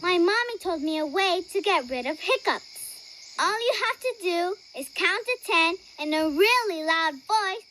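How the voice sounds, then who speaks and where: A woman's voice: very high-pitched, animated, unhurried, sharp tone, slight background noise, heavily acted, poor audio. Dora, an upbeat girl explorer. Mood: encouraging. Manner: talks to the viewer, coaxing them to join in. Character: cheerful young girl explorer, helpful and upbeat. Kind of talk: children's cartoon voice acting.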